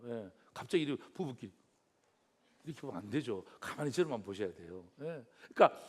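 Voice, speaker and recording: A male pastor preaching a Sunday sermon, calling out to the congregation and asking rhetorical questions, swinging from loud emphatic lines to soft, low asides. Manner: keeps calling out to the congregation directly.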